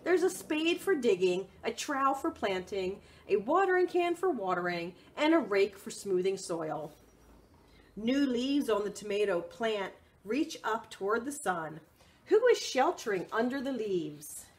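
A female children's librarian reads a picture book aloud in a higher register, highly animated and expressive. She speaks at a measured pace and prompts her little listeners with questions.

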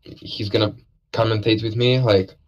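A man's voice: fairly low pitch, fairly even intonation, normal speed, dull audio. A man casually commentating a live esports match, laid-back and joking, with lots of fillers.

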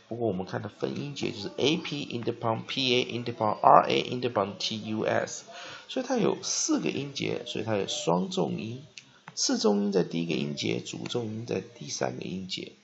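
A male English teacher giving a vocabulary lesson, spelling words letter by letter and repeating them slowly. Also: fairly low pitch, sing-song, creaky, lo-fi sound.

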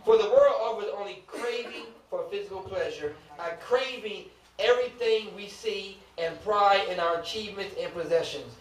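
A man with a high voice preaches a sermon, driving his points home with rhetorical questions and loose, humorous asides. He sounds set back from the microphone in an echoing church sanctuary, with a faint murmur of room ambience behind him. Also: normal speed. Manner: casual conversational asides to the congregation. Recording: echoey room, mic at a distance.

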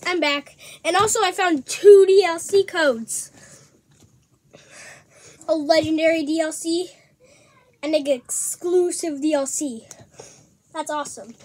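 A young vlogger chatting casually to viewers while unboxing toys, easily distracted and slightly hoarse. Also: very high-pitched.

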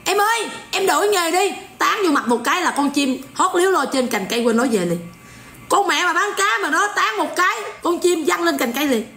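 A woman's voice: high voice, animated, a little fast, bright, forceful tone, echoey room. A woman in her forties with a Southern Vietnamese accent, ranting in sarcastic, scolding commentary. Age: 40s. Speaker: online commentator.

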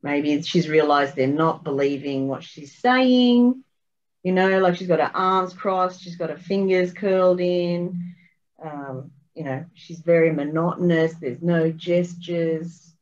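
Musing low-voiced woman on a video call. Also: slow pace, a little mellow, lo-fi sound. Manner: musing, tentative, trailing off. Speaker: body language panelist. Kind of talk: casual analysis on a video call.

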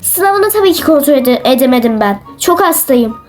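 A woman's voice: high-pitched, expressive, moderate pace, darkish tone. A woman voicing a lazy female teacher who complains of a sore throat while scolding her pupils in a comic role-play. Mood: whiny scolding. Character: lazy grumbling woman teacher pretending to be sick.

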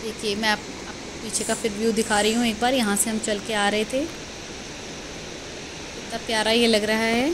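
On a mountain trail close to a waterfall, a travel vlogger walks and happily guides her viewers through what she sees. Her voice is a little high with little pitch movement. Rushing water fills the background of the outdoor phone audio.

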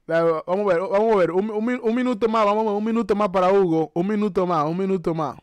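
An excitable man reacts to clips on a casual live stream from home, laughing often and looping the same phrases. His voice sits high for a man, and the sound is dry and close with no room echo. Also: quick pace.

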